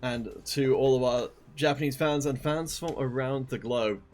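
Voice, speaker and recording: A man's voice: mid-range voice, moderate pace, darkish tone. Upbeat male esports caster. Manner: upbeat, addresses viewers directly. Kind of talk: live stream casting chat.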